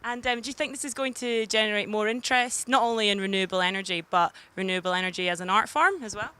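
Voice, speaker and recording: A woman reporter speaks upbeat in a bright, crisp voice, posing rhetorical questions. Her tone is smooth and clear at an ordinary pitch. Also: fast talker. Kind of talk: scripted report and interview.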